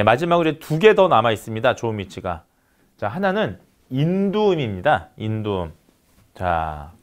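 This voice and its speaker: A man giving a recorded university lecture, explaining step by step and repeating key terms. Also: medium pitch.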